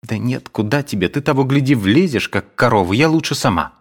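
A man voicing a gentle, doting older mother who speaks hushed and tender. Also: mid-range voice, lively intonation, a little fast, voice pushed up.

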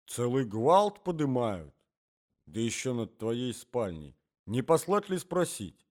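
A man's voice: mid-range voice, big pitch swings, slow, darkish tone, pitched above the performer's own voice. A man voicing a doddering, fussy old husband who talks in a sing-song way and breaks into coughing fits. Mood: fussing. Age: older.

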